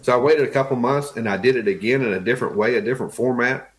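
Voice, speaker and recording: A man's voice: medium pitch, quick pace, soft background music. A man with an Appalachian accent chatting casually as an interview guest, in a folksy, plainspoken way. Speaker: interview guest, wood flooring tradesman.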